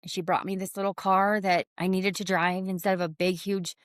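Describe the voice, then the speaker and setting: A woman's voice: lowish voice, little pitch movement, normal speed, no echo, clean studio sound. Earnest, heartfelt middle-aged woman. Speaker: podcast host. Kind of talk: personal storytelling monologue.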